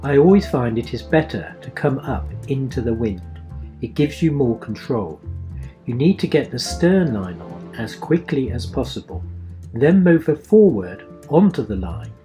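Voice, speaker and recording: A man's voice: mid-range voice, big pitch swings, unhurried, dark tone, faint music behind. Man explaining boat handling. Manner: explanatory, instructive. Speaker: sailing vlogger. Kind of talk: narrated sailing lesson.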